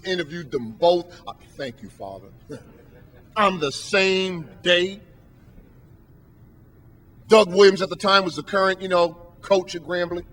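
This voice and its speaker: A man's voice: fairly high pitch, fairly bright tone. A man giving a motivational speech from a podium, emphatic and preacher-like, driving his points home with rhetorical questions. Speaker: motivational speaker and professor. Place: stage at a podium.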